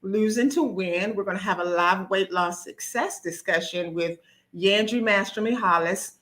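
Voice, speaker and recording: Bright, excited woman hosting a live stream. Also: mid-range voice, moderate pace. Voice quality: nervous, talkative, many ums and restarts.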